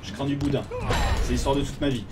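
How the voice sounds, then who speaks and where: A man's voice: medium pitch, quick pace. A man giving casual gameplay commentary, swearing and mocking himself, mixing in English phrases. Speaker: game streamer. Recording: voice far from mic, game music behind. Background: game music.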